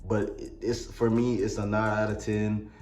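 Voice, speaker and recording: A man's voice: lowish voice, level tone, measured pace, darkish tone, roomy sound, soft background music. A man with a Mississippi accent reviewing an album in a rambling, joking way with crude asides. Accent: Mississippi Southern US. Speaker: music reviewer. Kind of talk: comedic album review vlog.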